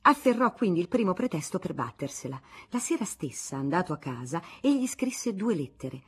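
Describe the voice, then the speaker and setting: A woman reads a classic novel aloud for radio. Her voice is husky and a little low. Her intonation is animated and theatrical. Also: moderate pace. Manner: expressive, theatrical narration. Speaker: audiobook narrator. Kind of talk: literary audiobook reading.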